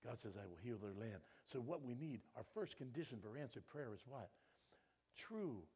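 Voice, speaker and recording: A man preaching a sermon, swinging between loud, fervent passages and hushed whispers, calling his congregation "children". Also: medium pitch, fairly quick, husky.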